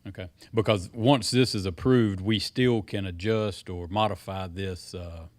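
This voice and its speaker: A man's voice: low voice, steady tone, unhurried, darkish tone. A man chairing a public county board meeting, brief and agreeable, moving through procedure.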